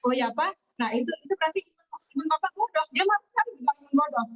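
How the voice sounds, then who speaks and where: Woman guest, high voice, animated storyteller, distant lo-fi webinar audio. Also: very fast. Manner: animated, acts out quoted voices. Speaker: guest telling her success story. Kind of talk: casual storytelling.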